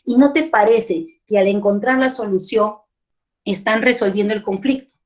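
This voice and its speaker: A woman with a Peruvian Spanish accent leading an online training session for teachers, lively and full of rhetorical questions. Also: mid-range voice, normal speed. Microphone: computer mic on a video call.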